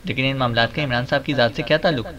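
A man's voice: mid-range voice, sharp tone, distant mic, close to an everyday voice. A man doing a cocky flippant young heir. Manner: dry, offhand, mocking.

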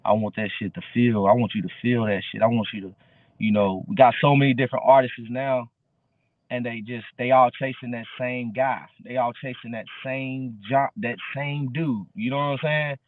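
A man's voice: mid-range voice, steady tone, normal speed, no room sound. A man in his early thirties, a guest musician talking casually in street slang on a video call. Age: early 30s. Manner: laid-back street slang, fillers like bro. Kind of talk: casual interview chat. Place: dark room at home. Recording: dry, tinny phone-like video call.

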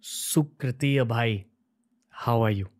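A young man from India hosts a podcast from a studio set. He talks earnestly into a desk mic, steady and measured, and trails off quietly at the end of his phrases. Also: medium pitch. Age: young adult. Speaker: podcast host. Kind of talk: podcast interview and intro monologue. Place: studio set with shelves, indoors. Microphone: desk-mounted podcast mic.

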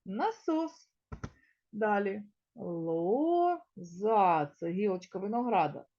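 A woman teaching a small-children's lesson in a slow, sing-song way, stretching words out and sounding them out one by one. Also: mid-range voice, mellow, dull audio. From Ukraine. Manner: drawn-out, sound-by-sound word pronunciation. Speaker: kindergarten teacher.

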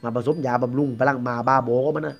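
A man with a Southern Thai accent tells a ghost story as a guest, in a loose, rambling, conversational way. He talks fast at a mid pitch. The recording sounds dull and lo-fi. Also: fairly even intonation, creaky, soft background music. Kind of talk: casual spoken ghost story telling.

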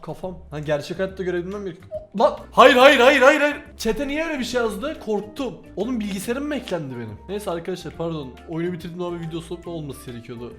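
A young man giving excitable commentary while playing a game, talking to himself and his viewers with sudden startled outbursts. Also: high-pitched. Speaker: gaming YouTuber. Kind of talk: let's play commentary.

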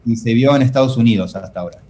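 A man with an Argentine accent, an actor speaking as an interview guest in a relaxed, chatty way, often restarting his phrases. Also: mid-range voice, very fast. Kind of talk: casual interview.

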